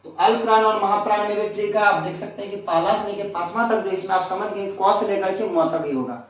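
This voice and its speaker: Man, teacher, classroom grammar lesson, asks and answers his own questions, high voice, very echoey room. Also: a little fast, far from the mic, a little hiss or hum. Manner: repeats questions to students and answers them himself.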